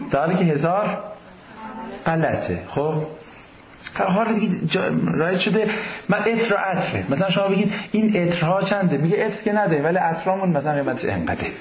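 A man giving a university lecture on religion in a classroom, lively, often posing questions to the class. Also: sits high, reverberant, lo-fi sound.

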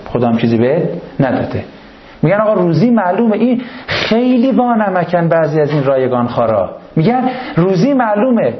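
A man with a fairly high voice lectures a class and keeps it light with humour and questions for the students. The sound is dull and lo-fi, with the echo of a classroom. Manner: humorous, banters with students.

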